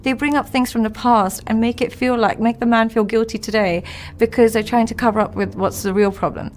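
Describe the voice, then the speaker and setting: A woman coaching on relationships as a podcast guest, telling stories from her practice in a blunt, emphatic, animated way. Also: on the high side, a little fast, slight background noise. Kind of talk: conversational podcast interview.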